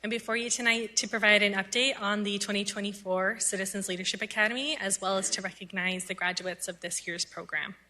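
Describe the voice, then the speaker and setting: Woman, city staff analyst, formal presentation, organized, bright voice. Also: mid-range voice, steady tone, a little fast, few pauses. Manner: prepared and organized. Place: city council chamber.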